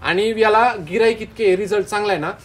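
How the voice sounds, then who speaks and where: A young man from Dindori, a farmer, talking in a casual interview and telling lively stories about his customers. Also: high voice, a little fast, over a noisy crowd. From Dindori, Maharashtra. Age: young adult. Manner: lively storyteller, acts out customers' remarks.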